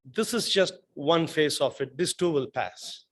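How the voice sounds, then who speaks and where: A man giving an earnest impromptu speech about a personal story, with halting restarts. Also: a little high, expressive.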